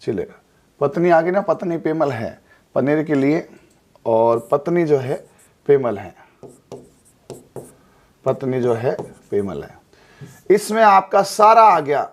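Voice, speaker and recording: A man teaching an exam coaching class in a chatty way, asking and answering his own quick questions and repeating key points. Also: on the high side. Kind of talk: classroom lecture.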